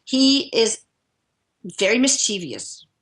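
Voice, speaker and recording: A woman's voice: on the high side, big pitch swings, slow pace, a bit bright. A woman speaking as a guest author, telling stories enthusiastically in casual chat with frequent fillers.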